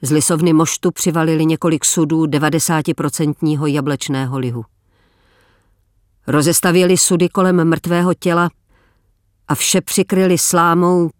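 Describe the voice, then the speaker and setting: A man reading a novel aloud, measured, slowing down for emphasis. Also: a little high, steady tone, no room sound, studio quality. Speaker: narrator. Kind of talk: scripted audiobook narration.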